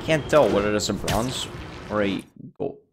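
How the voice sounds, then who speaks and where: A man's voice: lowish voice, animated, moderate pace, background noise. A man streaming a video game, joking to himself and greeting viewers as he plays. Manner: joking self-talk, chatting to viewers. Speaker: livestreamer. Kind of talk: casual gameplay commentary. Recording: voice over loud game music. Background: game music.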